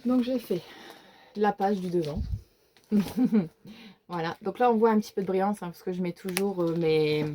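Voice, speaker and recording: A woman's voice: mid-range voice, normal speed, pauses often, warm tone, slight background noise. A woman with a regional French accent chatting casually in a vlog, showing her coloring book collection, hesitant with many fillers and restarts. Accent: regional French, which she says is folkloric. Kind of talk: casual show-and-tell vlog.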